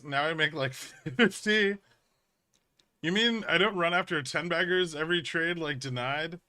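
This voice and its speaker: His voice is a little high with a sharp edge. Hosting a laid-back livestream as a trading educator, he fields viewer questions with blunt, emphatic explanations and the occasional curse.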